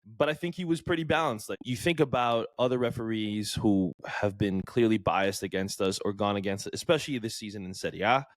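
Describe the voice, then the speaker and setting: A man co-hosting a sports podcast, talking loosely and with enthusiasm, with plenty of fillers. His voice sits slightly low, and the recording is dry and close, with no room sound. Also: fairly quick, few pauses, dry recording. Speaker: podcast co-host. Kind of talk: casual sports podcast chat.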